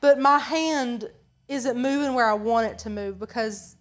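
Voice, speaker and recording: Woman, crafting co-host, casual livestream, flustered, muttering, high-pitched. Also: a little slow. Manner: flustered, muttering while she works.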